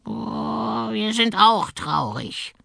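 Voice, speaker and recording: A cranky hen squawks out her refusals in a gravelly, creaking voice, stretching each word very slowly. Her voice is high and bright and sounds close and dry. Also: big pitch swings, no echo, exaggerated voice. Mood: grumpy. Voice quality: creaky, drawn-out cackling. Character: grumpy stubborn old hen flock. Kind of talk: children's audiobook acting.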